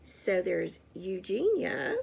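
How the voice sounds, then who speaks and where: Woman reading a picture book aloud to a kid, lively voice, chatty asides. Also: medium pitch, takes it slowly, gravelly, husky. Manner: chatty asides, asks the child questions. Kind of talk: casual storytime read-aloud.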